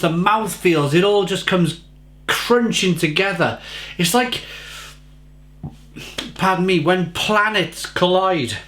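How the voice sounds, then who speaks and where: A man's voice: high voice, fairly bright tone. A man giving a casual, effusive beer tasting review, often repeating phrases for emphasis.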